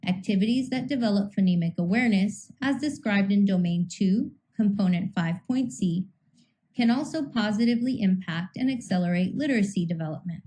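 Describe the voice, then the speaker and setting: A woman reading a scripted teaching lecture in a measured way, slowing down to sound out individual speech sounds. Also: medium pitch, animated, dark tone, poor audio. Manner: measured, slows to sound out phonemes. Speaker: instructor.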